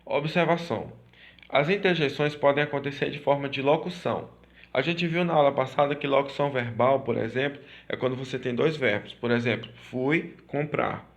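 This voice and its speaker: A man teaching a grammar lesson, repeating points and checking in with quick tag questions. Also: medium pitch. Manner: repetitive, checks in with "certo?" and "tá?".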